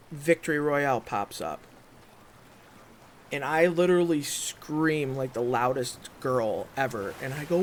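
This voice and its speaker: A man who makes gaming videos, telling his viewers a story in a rambling, excitable way, full of fillers like "you know" and "like". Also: on the high side. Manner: animated, excitable retelling.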